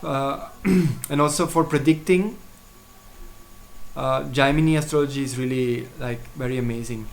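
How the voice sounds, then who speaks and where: A German-speaking man from Switzerland gives a casual English-language solo video about his astrology services. His voice is medium-pitched and creaky, and he often falters, restarting and filling pauses.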